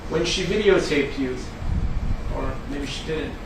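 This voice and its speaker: Man, attorney, cross-examination, measured pointed questions, distant, strong room echo, noisy. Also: fairly high pitch. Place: courtroom. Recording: very echoey, far from the mic, noisy.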